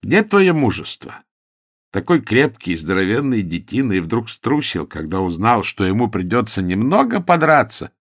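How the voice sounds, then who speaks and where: A man voicing an excitable middle-aged fight manager who pleads and wails in an overwrought way. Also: fairly low pitch, normal speed, no room sound, studio quality. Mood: pleading.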